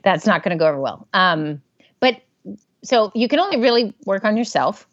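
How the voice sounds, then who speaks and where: A woman's voice: medium pitch, animated, moderate pace, no echo, lo-fi sound. A woman therapist, a guest on a podcast, talking casually and animatedly, acting out inner voices in little quotes. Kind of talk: casual interview talk.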